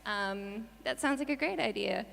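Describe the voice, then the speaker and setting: A woman making informal, jokey, halting announcements from a stage as an event organiser. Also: a little high, gravelly, fairly bright tone. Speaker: conference organiser and presenter. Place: on stage in a hall. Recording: reverberant hall sound.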